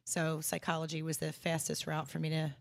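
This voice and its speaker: A woman in her forties with a South Jersey accent and a low voice. She talks bluntly and with confidence, with laughs slipped in between phrases. Her voice sounds dry, with no room around it. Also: completely flat delivery, brisk, creaky, no echo. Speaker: podcast guest, real estate branch leader. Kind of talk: casual chat.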